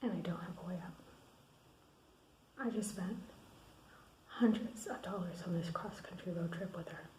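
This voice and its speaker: A woman's voice: on the low side, normal speed, pauses often. Woman, video diary, frustrated venting with swearing, half-whispered, echoey room, faint hiss. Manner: drops to a hushed, half-whispered voice. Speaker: vlogger. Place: her room at night.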